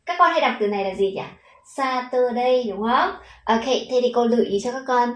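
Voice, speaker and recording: A woman's voice: fairly high pitch, expressive, fast talker, reverberant, rough recording. A woman with a Vietnamese accent teaching children English pronunciation, patient and encouraging, stretching out the model words.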